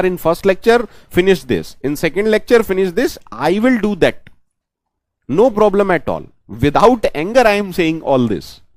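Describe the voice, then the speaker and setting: A programming teacher with an Indian English accent, a native Hindi speaker, gives an online lecture, repeating his phrases and answering questions on his students' behalf. His high voice has a darkish tone, with no echo.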